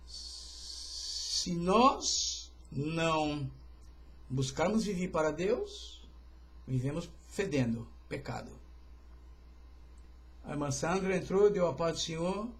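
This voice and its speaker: A man's voice: fairly high pitch, gravelly. A man, a pastor, teaching an informal livestreamed Bible study in a chatty way, with joking asides and greetings to viewers.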